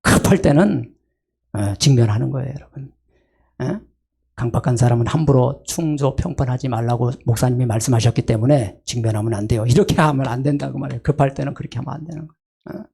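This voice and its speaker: A middle-aged man preaching a sermon as pastor, shouting out acted calls and then dropping to quiet asides, and often checking in with the congregation. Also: medium pitch, fast talker, creaky, slightly rough. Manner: acts out voices with sudden loud calls, then drops to asides; asks the congregation short checks like "eh?" and "right?".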